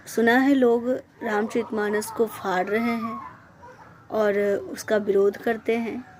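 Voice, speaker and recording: A woman delivers a devotional sermon in a high voice, speaking slowly and patiently. She explains verses through simple stories and briefly takes on the voices of the people in them. A faint hiss of background noise sits under the recording. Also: a little mellow. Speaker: Ramayana preacher. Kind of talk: devotional discourse.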